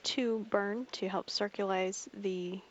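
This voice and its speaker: Measured female mission commentator, slightly dull audio. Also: medium pitch, fairly even intonation. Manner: measured, formal, factual. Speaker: mission control public affairs commentator. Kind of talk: live spaceflight commentary. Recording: dull broadcast audio with faint noise.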